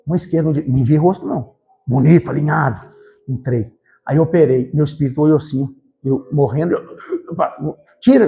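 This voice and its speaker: A male evangelical preacher, speaking in a high voice at a rapid clip. He talks straight to the congregation with fervent emphasis and climbs into shouts. The sermon is delivered in a church. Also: vocal fry.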